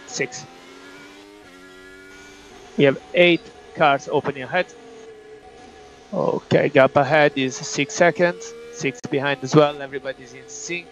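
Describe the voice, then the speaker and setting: This race engineer's voice is on the high side and steady, measured in pace with frequent pauses. He delivers clipped instructions and countdowns to his driver over team radio, heard through a dull, noisy motorsport link.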